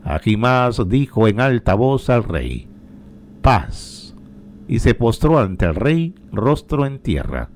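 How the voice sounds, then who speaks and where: A man reading scripture aloud in a slow, solemn way, lifting his voice for the quoted cries. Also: mid-range voice, big pitch swings, darkish tone. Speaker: liturgical reader.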